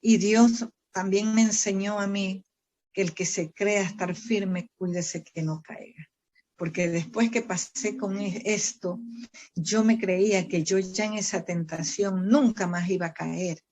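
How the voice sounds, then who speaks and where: A woman missionary telling a personal testimony during a church Bible study, swinging between loud, pleading bursts and hushed, tearful lows. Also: fairly even intonation, unhurried. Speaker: missionary preacher.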